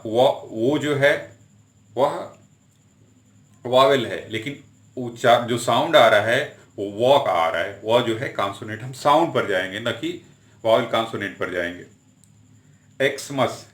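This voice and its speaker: A man teaching English articles in Hindi, giving English example sentences and saying them slowly and deliberately. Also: mid-range voice, fairly bright tone, reverberant. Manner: slow, deliberate spelling out of examples. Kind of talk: explaining grammar with Hindi examples.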